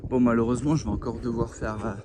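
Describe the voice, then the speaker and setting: A man's voice: mid-range voice, fairly even intonation, fast, very noisy. A man vlogging casually outdoors, joking and swearing in loose slang as he talks to the camera. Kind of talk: casual outdoor vlog chat. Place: outdoors on a mountainside.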